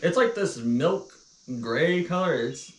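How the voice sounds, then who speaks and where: A man's voice: fairly high pitch, animated, normal speed. An American man chatting casually and telling stories with comic, exasperated grumbling. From Missouri, United States. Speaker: co-host of a couple's live chat. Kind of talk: casual chat storytelling. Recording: roomy, distant mic, faint noise.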